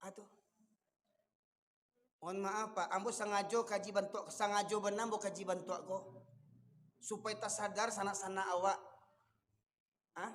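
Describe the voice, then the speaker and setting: A man's voice: high voice, little pitch movement, normal speed, pauses often, a little hiss or hum. Fiery Minangkabau-accented preacher man. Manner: forceful, rises to shouting, fires rhetorical questions. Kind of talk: fiery sermon. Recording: long reverb from a large hall.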